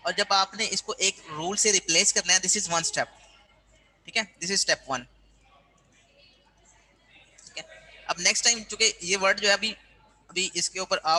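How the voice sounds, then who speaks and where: A man's voice: high-pitched, pushed and bright, rough recording. A man teaching a university class, explaining step by step and often checking in with his students. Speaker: university lecturer. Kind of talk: classroom lecture.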